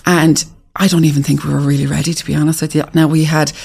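Guesting on an interview, a Galway woman who founded a restaurant recounts her story in a west of Ireland accent, casual and emphatic, with frequent repeated phrases. She talks quickly in a low, somewhat mellow voice with little pitch movement, vocal fry and a breathy edge.

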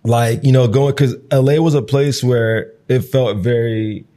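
Speaking a little slowly, with a dark, medium-pitched voice and fairly even intonation, an Igbo-speaking Nigerian-born man in his thirties sits as a guest in a conversational interview. He talks in a loose, reflective manner, leaning on "like" and "you know."

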